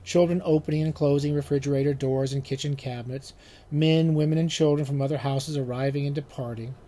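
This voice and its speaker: A man, an author, reading his own literary short story aloud with measured, deliberate delivery. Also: fairly high pitch, steady tone, dark tone.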